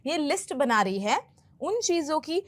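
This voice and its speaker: Woman, English teacher, patient, repeats phrases for learners, high voice, slow pace. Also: very animated. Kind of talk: explaining film dialogue in a language lesson.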